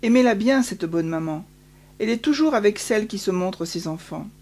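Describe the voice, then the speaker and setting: Une femme qui prête sa voix à un petit garçon rayonnant, doux et consolateur, au ton posé et solennel. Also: female voice, mid-range voice, lively intonation, fairly quick, mellow, close to an everyday voice. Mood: gentle, consoling. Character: radiant gentle little boy, calm and consoling.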